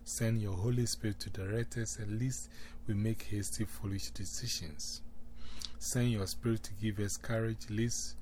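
A man leading prayers, reading them aloud in a measured, solemn way with pauses. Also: on the low side, fairly even intonation, darkish tone, a little hiss or hum. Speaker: prayer leader.

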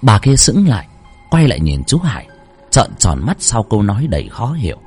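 A man's voice: fairly low pitch, wildly swooping pitch, brisk, a little mellow, breathy edge, faint music behind. A man narrating a scripted horror story in a dramatic storytelling manner.

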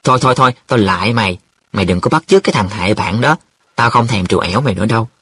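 A man's voice: medium pitch, very animated, a bit bright, slightly rough, no room sound. A man doing a cheeky boastful young man. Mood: pleading. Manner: wheedling, dramatic, quick teasing banter.

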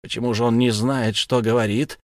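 A man's voice: mid-range voice, little pitch movement, brisk, no echo, clean studio sound, lightly acted. A man reading an audiobook voices a cunning, stern judge giving cold commands at an interrogation. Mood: cold commanding.

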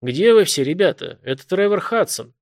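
A man voicing a harried police officer working the phones, brisk and firm, trying to reassure callers. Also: high-pitched, animated, a little mellow, pitched above the performer's own voice. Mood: pressed. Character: harried male police dispatcher, calm but pressed.

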